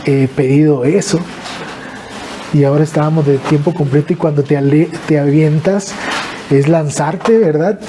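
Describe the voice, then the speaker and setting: A man's voice: fairly high pitch, dark tone, slight background noise. Earnest northern Mexican man telling a story. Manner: earnest, halting, with repeated restarts. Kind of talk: emotional personal storytelling.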